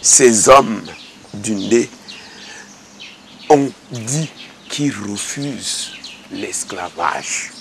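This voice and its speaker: Older Cameroonian actor as interview guest, gravelly, low, slow hesitant delivery, faint outdoor noise. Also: male voice, animated. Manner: slow, thoughtful, with many hesitations. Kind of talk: casual interview conversation. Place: outdoors at a rural home.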